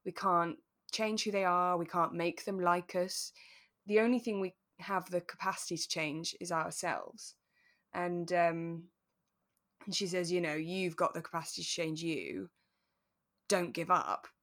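Discussing a radio drama on a podcast she co-hosts, this British woman talks in a casual, thoughtful and agreeable way as she lays out her points. She has a lowish, slightly bright voice and a measured pace.

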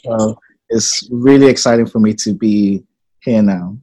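A young man from Ghana who was raised in England chats casually as a podcast guest, with a low-side voice and an unhurried pace. He's relaxed and talkative, laughs easily, and says um a lot, though the recording quality is low.

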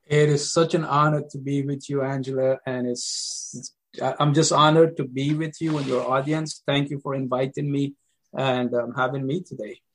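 A middle-aged man from Guyana, a pastor, telling his life story as a podcast guest, with many pauses and ums. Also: medium pitch, level tone. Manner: hesitant, many ums, repeats words.

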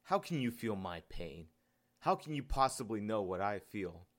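A man voicing a grieving, despairing young man who speaks in a halting, upset way. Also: on the low side, a bit bright, lightly acted. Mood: angry.

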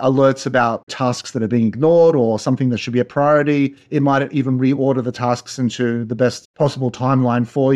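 A man's voice: mid-range voice, a little mellow. A man talking as an interview guest, explaining casually and often restarting his phrases.

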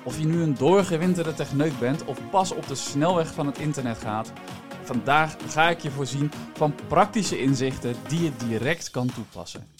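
A man's voice: fairly high pitch, moderate pace, music in the background. A man hosts a podcast, explaining things in a semi-scripted way and addressing the listener directly. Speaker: podcast host.

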